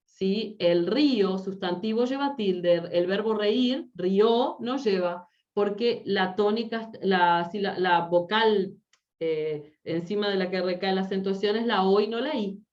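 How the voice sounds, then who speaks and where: A woman's voice: mid-range voice, a little slow, darkish tone. A female teacher giving a lecture in an online class, who explains patiently and keeps checking that students follow. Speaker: Spanish teacher. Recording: slightly distant, dull lo-fi mic.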